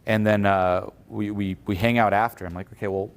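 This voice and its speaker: A man coaching an audience in a motivational conference talk, animated, often acting out the inner voices of the people he describes. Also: fairly low pitch, normal speed, gravelly, clear, resonant tone.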